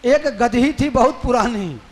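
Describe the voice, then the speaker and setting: A man's voice: very high-pitched, unhurried, big-room sound, background noise. A man doing a plain-spoken poor washerwoman. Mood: matter-of-fact.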